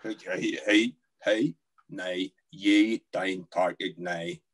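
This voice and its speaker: A man's voice: low-pitched, steady tone, extremely slow, full character voice. A man voicing an aggressive Northern Irish man who sounds ready to start a fight. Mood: menacing. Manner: menacing, confrontational.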